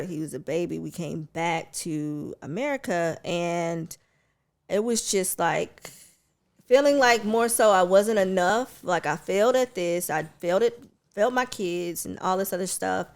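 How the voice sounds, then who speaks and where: A woman in her late thirties, co-hosting a podcast and telling her own story in a candid, animated way, using slang. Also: on the low side. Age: 30s. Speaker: podcast co-host. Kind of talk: casual chat.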